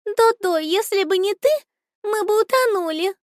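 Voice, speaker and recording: A woman voicing a fussy, indignant female mouse from a storybook with a shrill, squealing voice. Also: normal speed, dry recording, clean studio sound.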